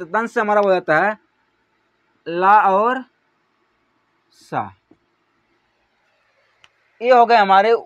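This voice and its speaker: A man teaching an exam-prep grammar lesson, asking questions and answering them himself, calling out syllables one by one and trailing off softly. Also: sits high, no echo, highs cut off.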